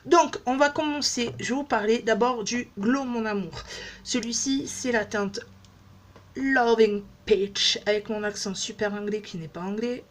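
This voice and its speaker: A woman's voice: a little high, normal speed. A woman beauty vlogger chatting casually at home through a makeup demo, rambling and joking at herself with many fillers.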